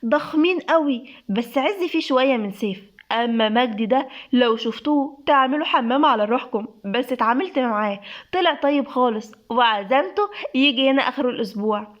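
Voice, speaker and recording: A woman with an Egyptian accent reading a romance story aloud in a lively, chatty way. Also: sits high, fairly quick. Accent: Egyptian Arabic. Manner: lively, chatty narration with voices. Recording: dull lo-fi recording.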